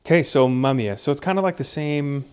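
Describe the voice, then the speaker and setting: A man's voice: mid-range voice, a little fast, darkish tone, clear, resonant tone. Rambling man explaining on a podcast. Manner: rambling, hedging, many fillers and restarts. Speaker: podcast co-host presenting research. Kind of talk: casual chat.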